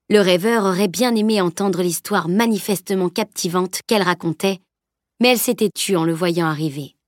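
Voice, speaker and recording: A woman narrating a novel as an audiobook in an even, steady reading. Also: on the low side, no room sound, studio quality. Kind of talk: scripted narration.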